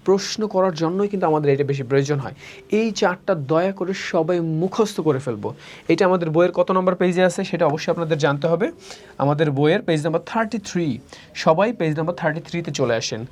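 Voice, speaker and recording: A man teaching spoken English in a recorded lesson, saying each word slowly and repeating the forms. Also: a little high. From Bangladesh. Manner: drills words slowly, repeating each form twice.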